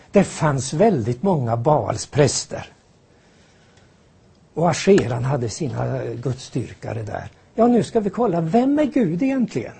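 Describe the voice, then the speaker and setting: An older man preaches with a husky, very breathy voice that sits warm and dark. He speaks a bit high for a man, and he keeps the sermon animated with rhetorical questions and homely asides.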